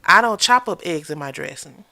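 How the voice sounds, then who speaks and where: A woman with a fairly low voice chats casually as a podcast co-host. She tells stories colloquially with playful teasing, and the sound is close and dry. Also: animated, moderate pace, gravelly, sharp tone, no echo. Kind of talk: casual chat.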